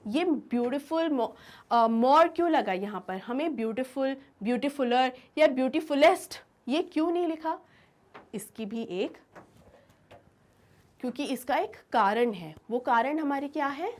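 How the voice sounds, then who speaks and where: A woman teacher giving a grammar lesson, asking her students questions and answering them herself. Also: sits high.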